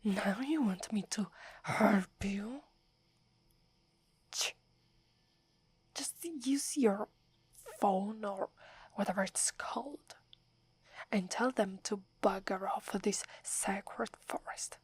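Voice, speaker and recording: An Italian woman from Italy whispers the part of a haughty sixteen-year-old werewolf girl, breathy and airy, right up at the mic, in a mid-range voice. She drawls slowly, proud and wary, scolding in a hush as if the forest belongs to her. The ASMR roleplay keeps every word soft and close.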